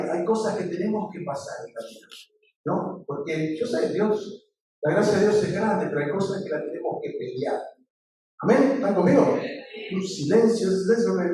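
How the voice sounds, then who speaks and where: A man's voice: high-pitched, darkish tone. A middle-aged male pastor preaching a sermon in a conversational way, weaving in personal stories. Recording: very echoey room, mic far off.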